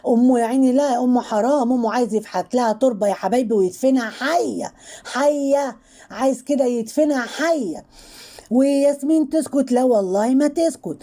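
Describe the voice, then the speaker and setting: A woman's voice: high voice, brisk, warm tone. A woman with an Egyptian accent hosting her channel, giving chatty, mocking gossip commentary and leaning on the same filler words again and again. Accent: Egyptian Arabic. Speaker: channel host commenting on online personalities.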